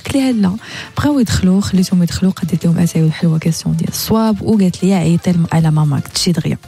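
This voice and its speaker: Soft-toned Moroccan woman talking very fast. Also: fairly low pitch, creaky, slightly rough. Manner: mixes French into her speech. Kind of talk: casual conversational storytelling. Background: faint music.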